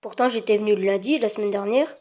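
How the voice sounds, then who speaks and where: This prank caller pretends to be a customer, pushing her point in a meek, hesitant way. She speaks quickly in a mellow, medium-pitched voice, heard through a telephone on a muffled, narrow-band line.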